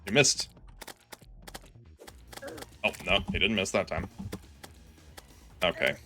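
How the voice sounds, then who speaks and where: A man with a fairly low voice talks through his game as he plays, jumping from calm planning to frantic pleading at the screen. He pokes fun at his own mistakes, and soft game music plays underneath. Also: takes it slowly. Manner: self-deprecating, excitable, groans and pleads at the game. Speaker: gaming streamer. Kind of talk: live gameplay commentary.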